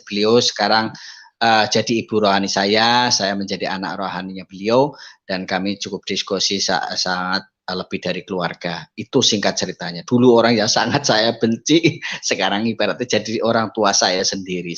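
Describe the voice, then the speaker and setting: Man giving an emotional testimony, lo-fi. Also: a bit bright. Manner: addresses listeners as brothers, rises high when moved. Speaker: testimony speaker.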